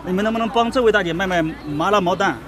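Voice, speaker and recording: A man's voice: high voice, rapid-fire, a loud crowd. A man in his thirties hosting a casual street vlog, chatty and full of questions, sometimes hawking food like a vendor. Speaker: vlog host. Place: outdoor street market. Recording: busy crowded street with traffic.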